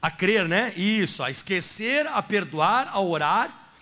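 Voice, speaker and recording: A man's voice: sits high, animated, takes it slowly, bright, forceful tone. A man preaching a sermon as pastor, telling a story and speaking directly to his congregation.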